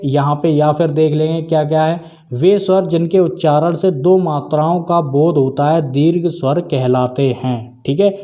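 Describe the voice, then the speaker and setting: A man with a mellow, slightly high voice gives a video grammar lesson for exam preparation. He repeatedly says "theek hai" and poses questions only to answer them himself.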